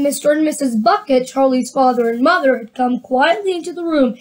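Reading a children's book to her audience, a high-voiced woman performs distinct character voices, often restarts lines, and drops casual asides to listeners. The audio is poor.

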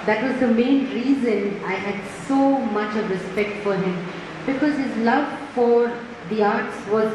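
A woman in her thirties with a South Indian accent, giving an expressive, emphatic tribute speech with anecdotes into a handheld microphone. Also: fairly high pitch. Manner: expressive, emphatic, repeating words for stress. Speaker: speaker giving a tribute, a dancer. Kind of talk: heartfelt public speech with anecdotes. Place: indoor hall, speaking to an audience. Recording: very echoey room, clear background noise.

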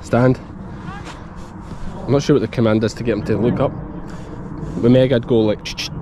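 Speaking at medium pitch and a moderate pace in a steady tone, a broad-accented Scottish sheep farmer in his thirties vlogs casually in an open farm field. He addresses a child and his sheepdog while holding an action camera at arm's length, with outdoor field noise around him.

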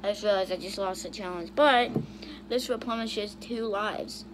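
A woman's voice: medium pitch, moderate pace, background noise. A young woman casually commenting on funny videos, bursting into shrieks and then muttering to herself. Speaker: YouTuber reacting to videos.

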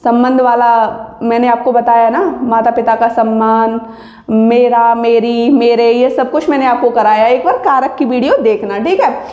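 In an exam-prep lesson, a woman teaches grammar in a high, dark voice with fairly even intonation, taking her time over each example sentence. She explains patiently and finishes with a quick check that students are following. The recording is muffled, with a noticeable room echo.

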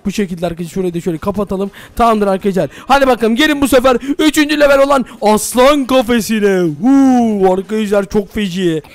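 A man hosting a Minecraft role-play video, energetic and constantly addressing viewers. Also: high-pitched, fast talker, hardly any pauses, dry recording, faint music behind. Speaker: host.

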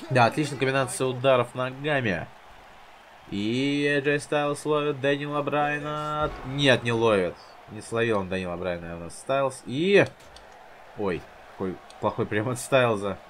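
A man's voice: medium pitch, moderate pace, fairly bright tone, a little hiss or hum. A man commentating his own gameplay like a casual wrestling commentator, teasing and goading the wrestlers as he goes.

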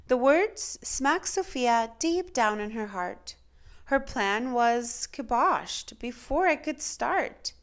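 A woman reading a children's picture book aloud in a dramatic, measured, expressive way. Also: a little high. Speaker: children's storytime reader.

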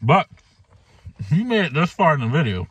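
Higher-pitched man chatting while eating. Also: sing-song, moderate pace, fairly bright tone, slightly rough, no echo, dull audio. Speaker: food vlogger. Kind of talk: casual mukbang chat to camera. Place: inside a parked car. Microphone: phone or camera at arm's length.

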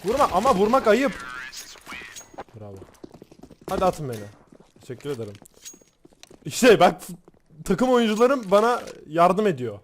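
A young man from Turkey giving lively gameplay commentary as a YouTuber, excitable, swearing and laughing often. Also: high voice, moderate pace, pauses often, a little hiss or hum. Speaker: gaming YouTuber.

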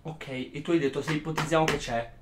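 A man's voice: steady tone, fast. A young man talks in an agitated, rambling way, his voice leaping up whenever he gets flustered. The room rings with echo, and a faint hiss sits under the voice. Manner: agitated, rambling, pitch jumps high when flustered. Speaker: boyfriend pranked by partner. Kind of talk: casual couple chat. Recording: echoey room, faint noise.

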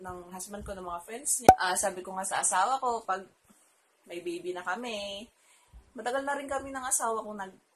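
A woman's voice: mid-range voice, normal speed, very noisy. A Filipino woman vlogger telling a personal story to her viewers in a casual, chatty way, laughing often and trailing her phrases with fillers.

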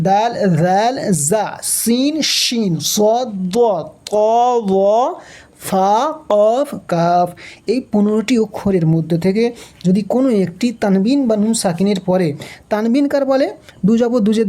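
A man with a Bangladeshi Bengali accent teaching Quran reading, spelling out letters and vowel marks, then chanting the words slowly in a higher tone. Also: dark tone. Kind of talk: step-by-step recitation lesson.

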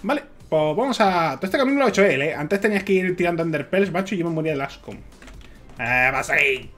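Young man, excitable streamer, swears and laughs, faint music behind. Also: on the high side, fairly quick. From Spain. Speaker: Minecraft streamer. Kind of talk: casual gameplay stream commentary.

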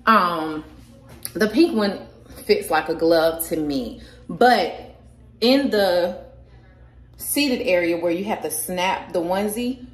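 A woman's voice: mid-range voice, slightly rough. A young woman chatting casually to her viewers in a vlog from a store, using informal slang. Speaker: vlogger. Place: store and mall, indoors.

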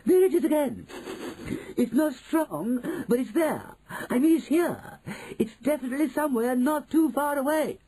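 Storybook witch: female, excitable, piercingly high, rough-edged, shrieking. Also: slow, few pauses, heavily acted, rough recording. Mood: excited disgust. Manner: shrill shrieking and yelling. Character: excitable shrieking tall witch sniffing out a stench.

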